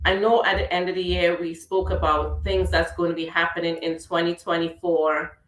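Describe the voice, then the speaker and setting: A Trinidadian radio show host with a Trinidadian accent runs a casual talk radio chat, chatty and playful and quick to laugh. Her voice is on the low side, level, and at normal speed, with reverberant, poor audio.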